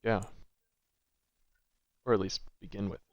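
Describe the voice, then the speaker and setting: Male co-host, smooth low voice, reflective casual chat, dull lo-fi recording. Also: fairly even intonation, measured pace. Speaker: podcast co-host. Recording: dull lo-fi audio.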